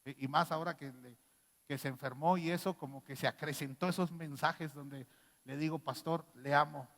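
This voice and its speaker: High-voiced Mexican pastor preaching. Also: male voice, normal speed. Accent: Mexican Spanish. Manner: animated, rhetorical questions to the congregation. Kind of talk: sermon. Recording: long reverb in a church hall.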